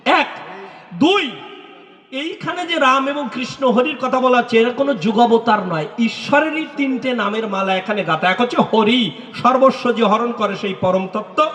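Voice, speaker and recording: A man's voice: very high-pitched, normal speed, fairly bright tone. A man giving a devotional lecture and answering audience questions, explaining patiently and reciting mantras in rhythmic runs. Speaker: religious speaker. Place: lecture hall stage. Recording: echoey hall with long reverb.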